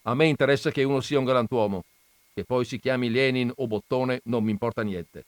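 A man's voice: medium pitch, a little fast, dry recording, voice pushed up, lightly acted. A man voicing Christ speaking from the crucifix, stern yet patient, admonishing in a raised, emphatic voice in a dramatized audiobook reading. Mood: scolding.

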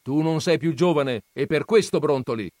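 A man voicing a sharp-tongued, teasing old grandmother in a read-aloud story. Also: a little high, moderate pace, no echo, clean studio sound, pitched above the performer's own voice, natural voice.

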